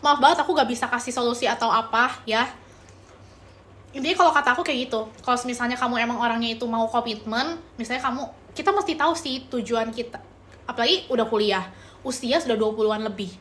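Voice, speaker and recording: A woman's voice: fairly high pitch, quick pace, a bit bright, a little hiss or hum. A young woman hosting a casual livestream, answering viewer chat with relationship advice and calling viewers pet names. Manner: affectionate, calls viewers pet names, mixes in English phrases.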